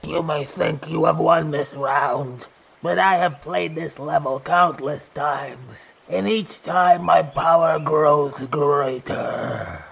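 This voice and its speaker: An actor playing a boastful little pig villain in a children's story, with slow theatrical menace. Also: male voice, a little high, gravelly, fairly bright tone, husky, heavily acted. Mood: gloating menace. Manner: slow theatrical menace, gloating evil monologue. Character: villainous little pot-bellied flying pig, boastful, petty.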